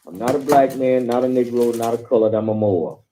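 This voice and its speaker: A male caller on a talk show, telling stories in a rambling, halting way with many fillers. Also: medium pitch, mellow, a little hiss or hum. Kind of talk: phone-in talk. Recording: tinny phone line.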